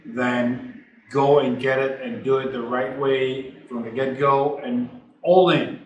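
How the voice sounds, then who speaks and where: A man realtor chatting casually and easygoingly with his wife to the camera, on low-quality sound because the mic died. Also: fairly even intonation, slow pace, lo-fi sound. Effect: low-quality sound after the mic died. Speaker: realtor, co-host of a couple's channel. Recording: distant, echoey room sound.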